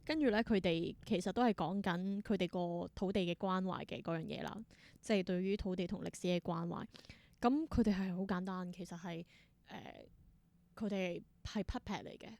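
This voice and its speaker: With a Hong Kong Cantonese accent, an independent theatre performer tells casual stories as an interview guest, pausing to reflect in short bursts of thought. Her voice sits on the low side, gravelly and darkish, at normal speed, and the recording has no echo.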